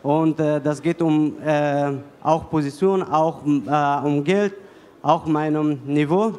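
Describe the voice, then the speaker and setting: A man from Afghanistan in his thirties answers in halting, broken phrases, stopping often on fillers and restarts. His voice sits a little high for a man. A long hall reverb hangs around it from the venue. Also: fairly even intonation, a little mellow, smooth. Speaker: fighter. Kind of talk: broken-German interview answers. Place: indoor fight venue beside a cage. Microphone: handheld mic held by interviewer.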